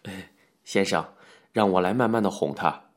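A man doing a low, coaxing older coach. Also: moderate pace, lightly acted. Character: older male coach, soothing and placating.

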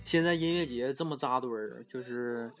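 A man with a Northeastern Mandarin accent chatting casually as a podcast co-host, telling stories with halting restarts. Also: mid-range voice, over loud music. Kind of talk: casual chat.

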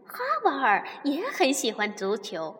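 A woman reads a children's story aloud as the host of a bedtime story show, warm and expressive toward young listeners. Her voice is high and swings widely, and her pace is slow. A long reverb hangs behind it.

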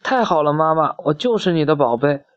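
A woman's voice: sits low, animated, fairly quick, lo-fi sound. A woman voicing a young male dinosaur who is tearful and confused, speaking in a raised, pleading storybook voice.

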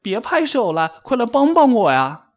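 Guy doing a jumpy little bunny girl, high squeaky voice, slow and drawn out, soft music behind. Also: big pitch swings. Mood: panicky. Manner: shrill, panicky. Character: timid excitable young female rabbit.

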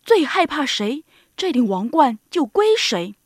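A woman's voice: high-pitched, very animated, measured pace, no room sound, clean studio sound. A woman voicing a boastful, crafty male lion in a storybook reading. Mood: scheming.

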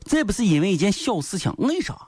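A man's voice: high-pitched, sing-song, very fast, darkish tone. A man with a Shaanxi accent performing a comic dialect sketch, boasting, exclaiming and repeating himself. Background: background music.

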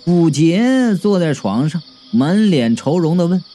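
A man's voice: a little high, unhurried, soft background music. A man narrating a comic first-person audiobook in a chatty, playful way. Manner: chatty, playful, with sudden lively swoops.

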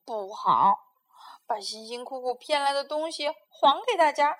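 A woman reading a children's story aloud in a gentle, expressive way. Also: high-pitched, a little slow.

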